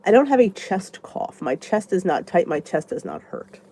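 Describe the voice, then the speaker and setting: Very animated and warm-toned, her fairly low voice moves at a moderate pace over slight background noise. The stuffy-nosed vlogger rambles chattily while responding to viewer comments in a casual live chat, thinking aloud.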